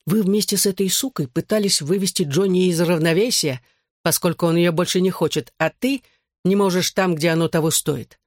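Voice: medium pitch, brisk, no room sound, natural voice. An audiobook reader voicing a hot-headed, drunk young male brawler who snarls his threats, in a dry close recording. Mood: furious. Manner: snarling, aggressive.

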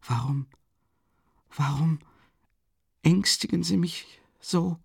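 A man voicing a timid, frightened young woman who speaks in anxious, breathy, hesitant tones. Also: fairly high pitch, takes it slowly, no room sound, clean studio sound, voice pushed up, exaggerated voice. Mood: pleading.

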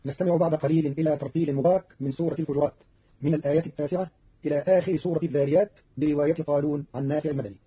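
Male radio announcer, husky voice, rapid brisk delivery, dull old broadcast sound. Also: fairly high pitch, fairly even intonation. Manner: brisk, matter-of-fact reading. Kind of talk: scripted explanation of recitation variants. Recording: muffled old radio recording.

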